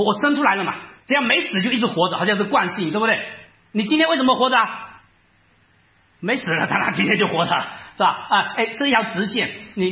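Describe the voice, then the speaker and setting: A man preaching a sermon, animated, asking rhetorical questions and acting out his listeners' doubts. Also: high-pitched. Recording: echoey room, slightly dull sound.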